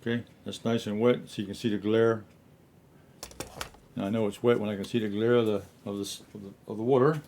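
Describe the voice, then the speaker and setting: A man giving a casual watercolor painting tutorial in his studio, speaking haltingly and often repeating himself. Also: fairly low pitch, fairly even intonation, a little mellow, a little hiss or hum.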